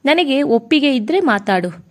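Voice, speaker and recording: A woman's voice: sits high, very animated, measured pace, pitched above the performer's own voice. A woman voicing a scheming man in a storybook tale, talking in a sly, conspiratorial way. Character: scheming plotting man, rich household schemer.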